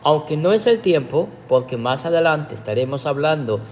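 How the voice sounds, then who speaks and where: A man's voice: a little high, expressive, normal speed, a little mellow, big-room sound, a little hiss or hum. A man, a pastor, preaching a livestreamed teaching sermon in a sarcastic way, with emphatic rhetorical questions.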